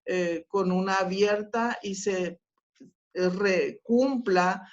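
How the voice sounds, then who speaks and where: A woman teacher giving a patient class over a video call, often checking that her students follow along. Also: medium pitch. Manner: slow, patient explaining with frequent filler sounds and checks. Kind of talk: online class lecture. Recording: dull lo-fi audio.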